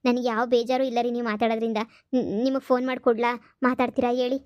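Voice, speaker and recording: A woman plays a caring middle-aged cartoon mother with a fairly high, flat voice. She soothes her family quickly and gently, and the recording is dry and close. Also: no echo, dull audio, lightly acted. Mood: coaxing. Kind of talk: cartoon voice acting.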